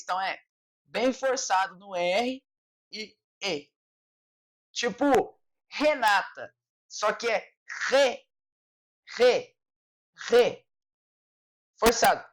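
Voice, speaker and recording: A Brazilian woman teaching a French lesson online, explaining patiently and ending nearly every point with a quick "tá?". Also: on the high side, low-quality recording. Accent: Brazilian Portuguese.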